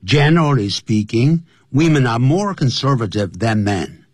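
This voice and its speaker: A man teaching English on a radio program, explaining phrases slowly with repetition. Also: husky, no room sound, studio quality. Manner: explains slowly and repeats phrases, lively drawn-out pitch. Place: radio studio.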